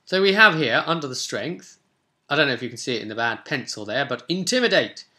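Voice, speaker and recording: A man in his twenties with a medium-pitched, brisk and sharp voice and lively intonation hosts a tabletop roleplay channel. He chats casually and thinks aloud while rolling a game character, explaining the game to viewers. The recording comes from a small room at home, with a roomy echo, background hiss and clicks.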